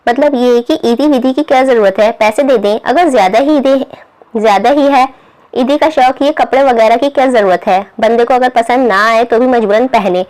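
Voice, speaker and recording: A lazy young man, read by a woman, brushing things off in an offhand, dismissive way. The voice stays a touch high. It is a storybook reading. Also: moderate pace, darkish tone, lightly acted.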